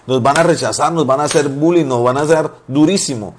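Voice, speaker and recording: Pastor guy, kinda high voice, chatty preaching, repeats stuff a lot. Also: fairly quick, slight background noise. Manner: animated storyteller, repeats phrases for emphasis. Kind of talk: informal preaching with personal stories.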